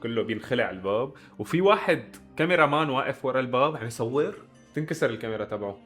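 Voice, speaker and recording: A man's voice: medium pitch, animated, rapid-fire, fairly bright tone, soft background music. A young man with a Levantine Arabic accent, giving blunt, sarcastic reaction commentary. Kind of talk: casual commentary.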